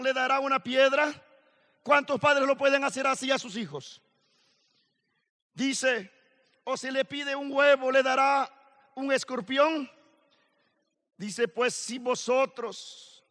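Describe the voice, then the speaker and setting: A man preaching a sermon at a youth camp, slow and emphatic, building to shouted questions. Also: extremely high pitch. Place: large hall at a youth camp. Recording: long hall reverb.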